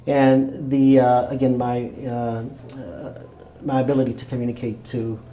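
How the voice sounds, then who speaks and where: A Mexican realtor answers interview questions in a relaxed, rambling manner, with lots of fillers and restarts. His medium-pitched voice moves at a measured pace, picked up by a distant mic in a roomy, echoey space with a noisy background.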